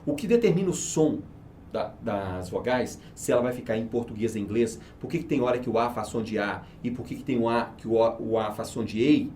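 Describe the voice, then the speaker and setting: A man's voice: mid-range voice, animated, brisk, mellow. Emphatic man explaining, faint hiss. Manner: emphatic, persuasive, asks himself rhetorical questions. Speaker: research and market manager, interview guest. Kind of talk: explanatory interview talk.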